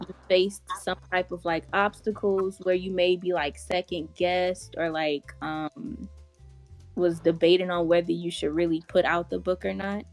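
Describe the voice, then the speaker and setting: A woman's voice: on the low side, flat delivery, a little slow, faint music behind. A woman hosting a casual interview, chatty and laid-back. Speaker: podcast host.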